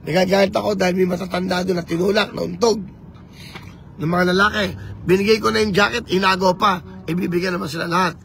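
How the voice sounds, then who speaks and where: A man with a raised, rough-edged voice talks into a handheld phone from a moving vehicle. He shifts between languages in an animated, preachy manner. The road noise behind him stays faint. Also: high-pitched, quick pace. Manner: animated, code-switching, preachy. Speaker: vlogger campaigning for office. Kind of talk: live vlog chat.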